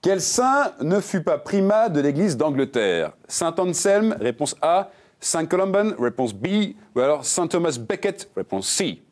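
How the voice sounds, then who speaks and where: A jokey quiz-show host whose pitch swings up and down as he reads each question. He sits a little high for a man and keeps things light, slipping puns between the answer options. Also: big pitch swings, measured pace, darkish tone. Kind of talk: game show hosting with puns.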